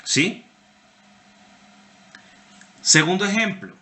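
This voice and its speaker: A man's voice: sits high, animated, extremely slow, bright, forceful tone, echoey room. A man teaching a university class online, explaining step by step and often checking that students follow. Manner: explanatory, checks understanding with frequent "¿sí?"; addresses students by name. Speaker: university lecturer.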